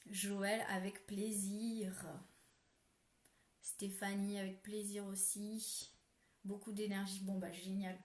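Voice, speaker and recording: A woman hosting a live spiritual ritual, guiding softly and then chatting while reading viewers' comments, with many fillers. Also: mid-range voice, little pitch movement, slow, long pauses. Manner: soft, gentle guidance with many fillers. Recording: roomy echo.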